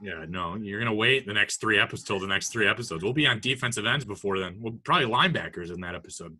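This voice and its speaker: A man's voice: on the low side, quick pace, bright, forceful tone, slight background noise. A young man hosting a casual podcast, running a trivia game, teasing his co-hosts and laughing often. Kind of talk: casual chat.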